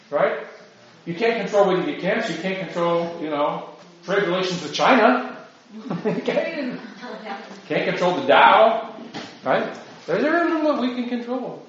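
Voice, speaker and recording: A man, a priest, giving a conversational talk to a group, often tossing in rhetorical "right?" asides. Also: sits high. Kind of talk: informal lecture to a group. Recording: very echoey room, dull lo-fi sound.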